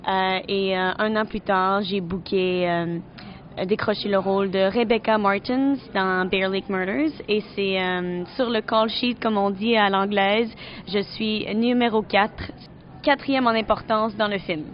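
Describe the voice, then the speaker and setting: A woman's voice: mid-range voice, steady tone, unhurried, dull audio, a little hiss or hum. A woman from Quebec City with a Québécois accent, an actress answering interview questions in a chatty way, with many fillers and restarts. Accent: Québécois French. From Quebec City, Canada.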